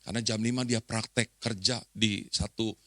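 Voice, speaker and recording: A middle-aged male pastor, preaching a lively sermon to his congregation and acting out the people in his stories. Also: lowish voice, normal speed, dry recording, studio quality. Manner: chatty, addresses the congregation directly. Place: church.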